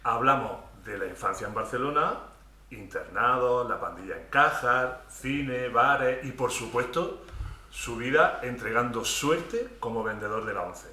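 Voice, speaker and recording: A man's voice: medium pitch, lively intonation, measured pace, pushed and bright. A man hosting a podcast, reading an upbeat introduction and welcoming his guest. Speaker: podcast host. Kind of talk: scripted introduction then casual interview. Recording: echoey room with faint noise.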